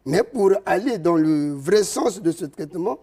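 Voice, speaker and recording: Slow explaining man, mellow high voice. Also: lively intonation, husky. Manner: slow, didactic, explaining step by step with many hesitations. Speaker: traditional healer and herbalist guest. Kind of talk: interview explanation.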